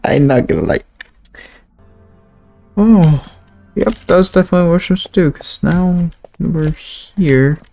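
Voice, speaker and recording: A man's voice: on the high side, unhurried, vocal fry, long pauses, warm tone, faint music behind. A man giving casual gameplay commentary, reacting and talking aloud to the game as host. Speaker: gaming video host.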